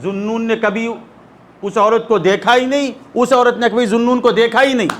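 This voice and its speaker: A man's voice: very high voice, steady tone, a bit bright. A male preacher tells a devotional story in a sermon, often stopping to ask his listeners whether they have understood. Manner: asks the listeners rhetorical check-ins; retells a story with dramatized quotes. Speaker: preacher leading a weekly zikr gathering.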